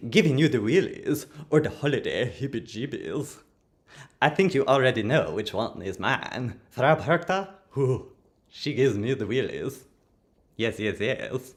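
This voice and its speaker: A man hosting a livestream in a campy, dramatic way, calling his audience darlings and stretching out his flourishes. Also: mid-range voice. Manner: playfully commanding, addresses the audience as darlings. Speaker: livestream host. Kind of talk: theatrical livestream chat.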